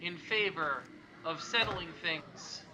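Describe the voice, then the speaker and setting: Joking gameplay commentator, slightly high. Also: male voice, slow pace, heavy background noise. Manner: casual, rambling, joking commentary. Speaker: let's play host.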